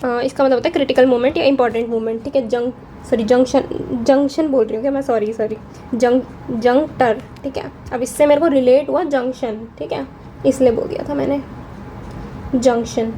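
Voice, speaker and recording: A woman's voice: sits high, steady tone, brisk, warm tone, a little hiss or hum. A young woman teaching vocabulary in a casual Hinglish lesson, chatty and often checking in with her students. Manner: chatty, checks in with frequent "theek hai".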